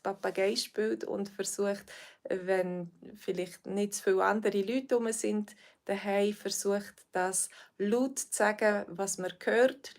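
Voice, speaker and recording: Answering questions from her livestream audience, this Swiss language teacher sounds friendly and a bit tentative, dropping fillers frequently. She's from Switzerland, has a Swiss accent, and speaks in a mid-range voice.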